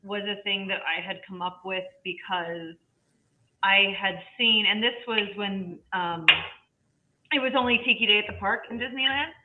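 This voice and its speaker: A woman's voice: mid-range voice, normal speed, a little hiss or hum. A woman guest chatting casually, telling a rambling story about starting an event. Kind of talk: casual chat. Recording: tinny phone-like line.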